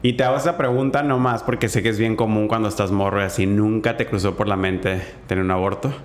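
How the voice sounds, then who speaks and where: Low-voiced man, podcast co-host. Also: steady tone, quick pace. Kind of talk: casual conversation.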